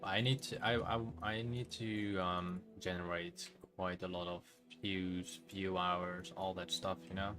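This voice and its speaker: A man's voice: low voice, unhurried, few pauses, over music. A man from the Netherlands with a Dutch accent, chatting casually and rambling while he streams a game. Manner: relaxed, rambling, self-correcting.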